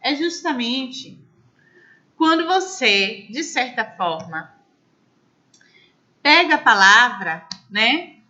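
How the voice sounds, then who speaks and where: A woman's voice: fairly high pitch, lively intonation, takes it slowly, long pauses, pushed and bright, reverberant, lo-fi sound. A woman teaching a grammar class, explaining step by step and asking her students questions. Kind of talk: online class lecture.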